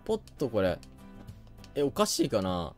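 A man's voice: medium pitch, huge pitch swings, normal speed, soft background music. A young man giving casual game commentary, thinking aloud and often hesitating. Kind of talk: casual let's play commentary.

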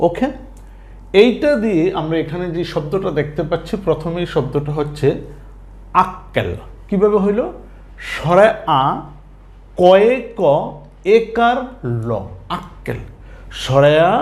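A man's voice: sits high, a little mellow. A man teaching a spelling lesson, spelling words out letter by letter and asking and answering his own questions. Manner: colloquial forms mixed into standard speech.

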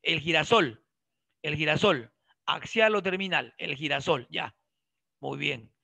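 Speaking a little slowly, a biology teacher keeps his lecture lively, putting questions directly to students and joking as he goes. He has a somewhat high, bright, gravelly voice, captured close and dry with no room sound.

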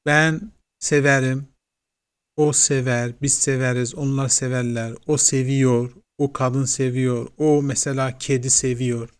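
A man with a Turkish accent teaching English, slowly repeating example sentences in a classroom-style lesson. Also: medium pitch, little pitch movement, clear, resonant tone. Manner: slow, drilling repetition of example sentences.

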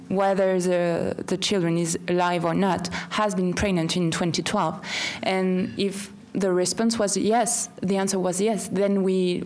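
A woman in her thirties answers a question as a researcher on a conference panel. She explains carefully and a little haltingly, restarting her phrases, speaking into a table microphone. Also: mid-range voice, a little mellow.

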